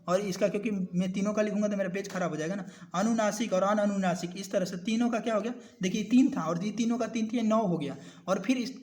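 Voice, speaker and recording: A male teacher giving a recorded lecture. He moves between two languages, asks the class questions, and slows right down to dictate definitions. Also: high voice, darkish tone. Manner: explains in a mix of two languages and keeps asking the class questions; ends points with a habitual "okay".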